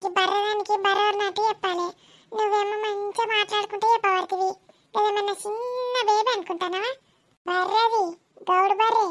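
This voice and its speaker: A loud, teasing village mother talks in a rustic, scolding way, as a woman acts her out in a comedy skit. Her voice sits very high. She mocks everyone around her. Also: fairly even intonation, fairly quick, a little hiss or hum.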